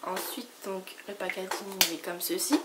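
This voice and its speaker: A woman from France with a sick, hoarse voice, chatting casually through a makeup haul and rambling with lots of fillers and restarts. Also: mid-range voice, moderate pace. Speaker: beauty vlogger. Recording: noisy home recording.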